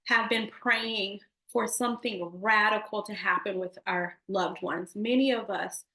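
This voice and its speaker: A woman in her thirties tells her faith testimony in an earnest, emotional way and talks straight to her viewers. Her voice sits at a middle pitch. The room around her rings with a noticeable echo. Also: steady tone, measured pace, pushed and bright. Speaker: testimony speaker. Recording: echoey room.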